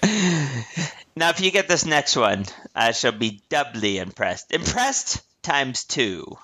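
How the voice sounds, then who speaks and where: A man's voice: mid-range voice, big pitch swings, slow pace, pushed and bright. A man co-hosting a casual political chat, quizzing his partner and teasing him with frequent laughs. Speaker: podcast co-host running a quiz.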